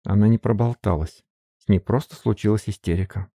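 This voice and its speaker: A man's voice: on the low side, fairly quick, mellow, no echo, studio quality. A man reading a cold, defiant young woman in an audiobook, with clipped lines raised above his own voice.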